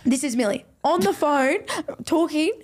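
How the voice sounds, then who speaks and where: A woman's voice: sits high, animated, a little slow, darkish tone. A woman co-hosting a podcast, teasing and exaggerating in casual banter. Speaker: podcast co-host. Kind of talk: casual chat.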